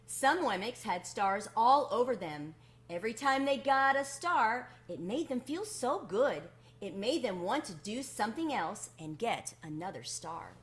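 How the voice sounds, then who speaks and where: Reading aloud from a children's picture book, a woman uses a medium-pitched voice. Her storytelling is deliberate and expressive, with emphasis drawn out.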